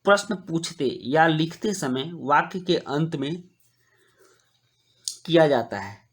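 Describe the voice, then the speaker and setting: A man gives a children's grammar lesson in a slightly high voice, recorded close as a voice-over. He explains slowly and clearly, like a patient classroom teacher, and reads the example sentences aloud. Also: expressive.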